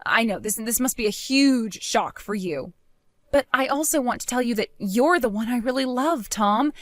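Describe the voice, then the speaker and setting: A woman's voice: fairly high pitch, expressive, moderate pace, fairly bright tone, dry recording, clean studio sound. A woman voicing a scheming, unfaithful young wife. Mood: pleading. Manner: pleading, coaxing.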